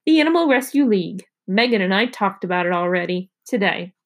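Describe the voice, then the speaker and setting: A woman's voice: fairly low pitch, fairly quick, lightly acted. A woman reading aloud, voicing a stubborn, smug little girl with sassy retorts in a storybook.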